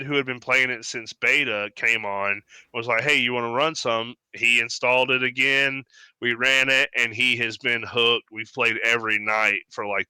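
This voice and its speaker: Animated man with a bright, crisp voice. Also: medium pitch, no echo, poor audio. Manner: animated, swears freely, mimics voices when telling stories. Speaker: podcast co-host. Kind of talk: casual chat.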